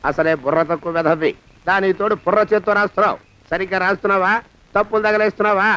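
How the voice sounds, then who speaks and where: A man's voice: sits high, steady tone, fast, bright, forceful tone. An actor playing a hot-tempered master who berates and insults his servant. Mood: berating. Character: bullying hot-tempered master, grown man. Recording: dull film soundtrack.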